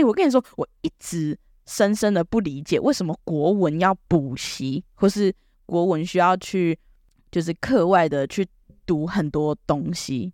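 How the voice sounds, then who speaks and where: A young woman telling a comic story about herself to camera, animated and self-mocking, full of quick restarts. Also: low voice, dry recording, clean studio sound. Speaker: vlogger.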